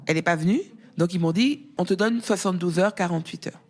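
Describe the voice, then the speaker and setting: A middle-aged woman guest talking casually in an interview, a lively storyteller whose voice rises when she quotes others. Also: on the low side, fast. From France.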